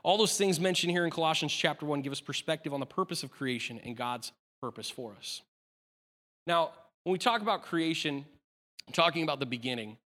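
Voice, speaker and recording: A man's voice: on the high side, lively intonation, fairly quick, a bit bright, long reverb tail. A man in his thirties preaching a sermon in a casual, self-deprecating way, with plenty of fillers and restarts. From United States. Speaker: pastor.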